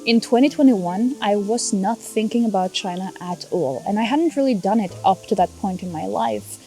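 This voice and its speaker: A vlogger from Norway, a woman in her twenties, gives scripted narration about her own life, sounding earnest and positive. She has a Norwegian accent and a mellow, mid-range voice at moderate speed, with music faintly in the background.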